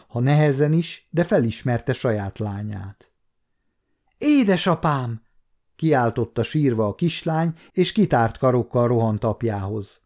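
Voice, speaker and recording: A man in his fifties calmly narrating an audiobook. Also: medium pitch. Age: 50s. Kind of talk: scripted narration.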